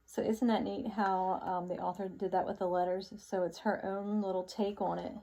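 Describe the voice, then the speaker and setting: Reading aloud to children, a teacher explains the story and poses questions to her young listeners in asides during the lesson. Her voice is medium-pitched and warm, with a flat delivery at a normal speed.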